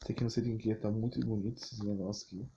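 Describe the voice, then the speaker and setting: Racing along in a lowish, steady voice, this Brazilian-accented man gives casual commentary on fan game pictures and clips for his gaming YouTube channel. He rambles, uses slang, and circles back to the same points; the phone audio is muffled, noisy, and full of clicks.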